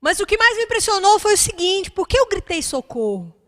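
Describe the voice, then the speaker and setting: A woman's voice: very high voice, sing-song, brisk. A woman pastor, preaching a fervent sermon and calling out to the congregation.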